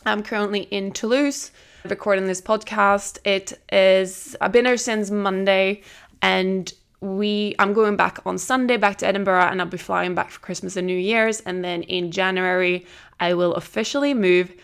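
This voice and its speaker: A woman's voice: medium pitch, fairly even intonation, moderate pace, gravelly, smooth. A woman hosting a solo podcast, chatting casually with frequent laughs and restarts. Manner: chatty, laughs between phrases, restarts often. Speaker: podcast host. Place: recording away from home.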